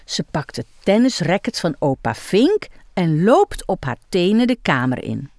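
Woman reads children's story aloud, slow, lively pitch. Dry close sound. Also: no echo. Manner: slow, expressive reading.

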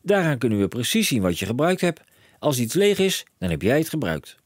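A man doing a shrill, frantic storybook dad. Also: big pitch swings, fairly quick, no echo, clean studio sound. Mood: overexcited. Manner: shouting, breathless overexcited rants. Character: excitable bellowing middle-aged father, inventor-mad. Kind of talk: audiobook character voice.

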